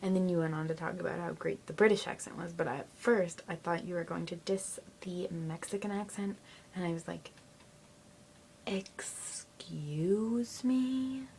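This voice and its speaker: A teenage girl chatting casually to a friend on camera, giggly and often dropping to a soft near-whisper. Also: fairly low pitch, fairly even intonation, brisk, creaky, a little hiss or hum. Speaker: video blogger.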